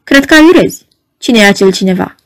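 A woman's voice: medium pitch, animated, lightly acted. A woman reading an audiobook, voicing a proud, troubled married woman who speaks in an urgent, pleading, agitated way. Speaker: audiobook reader. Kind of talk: audiobook narration.

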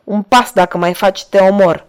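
A woman voicing a frightened, pleading young woman in a storybook reading, emotional and raised in pitch. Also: a little mellow, natural voice. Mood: cold.

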